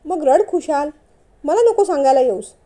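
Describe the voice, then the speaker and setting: Lady doing snappy annoyed husband, curt, high mellow voice, storybook. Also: moderate pace, lightly acted. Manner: curt, sharp-tongued. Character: young husband, curt and resentful.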